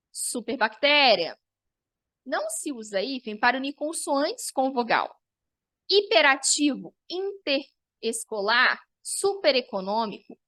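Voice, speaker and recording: Slow, bright-voiced woman teacher. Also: sits high, dry recording. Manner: slow, explanatory, checks in with "tá?". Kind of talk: online class review lesson.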